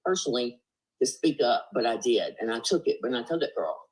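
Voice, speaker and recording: Her bass voice is sing-song and a little mellow, and she talks fairly quickly with a Southern US accent. As a panelist on a live-stream group video call, she rambles earnestly with plenty of fillers and "you know." A laptop or phone mic picks her up, and the recording quality is low.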